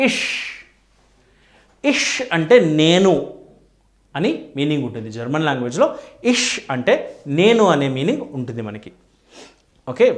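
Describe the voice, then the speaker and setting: A man teaching a language lesson, spelling words out letter by letter and repeating each rule. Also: high-pitched. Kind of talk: classroom lesson.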